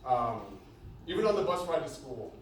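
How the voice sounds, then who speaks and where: A young man giving a humorous best man speech, joking and pausing between short phrases. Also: on the high side, animated. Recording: echoey venue, distant mic, noisy background.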